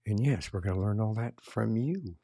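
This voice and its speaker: A man hosting a podcast, reading a measured, promotional intro before interviewing his guest. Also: on the low side, vocal fry, warm tone, no echo, studio quality. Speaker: podcast host. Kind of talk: scripted intro then interview.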